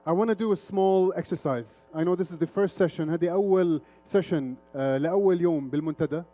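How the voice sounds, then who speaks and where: A man speaks rapid-fire in a mellow voice on the high side, with soft background music. He is a middle-aged media executive and an Arabic speaker from Lebanon, raised in Saudi Arabia, giving a casual, interactive talk on a conference stage. He code-switches between Arabic and English.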